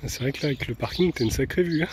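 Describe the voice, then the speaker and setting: A man from France talks through his day outdoors for a travel vlog, his mid-range voice easy and chatty. He hesitates with small fillers and soft laughs as he holds the camera. Faint birds and open-air ambience sit quietly behind him. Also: medium pitch, expressive, racing, background noise. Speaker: travel vlogger. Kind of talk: casual vlog narration. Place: outdoors, walking around a van and an old town.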